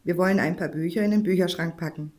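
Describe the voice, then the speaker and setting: A woman voicing a cheerful little girl who speaks gently and coaxingly. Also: fairly low pitch, fast, lightly acted.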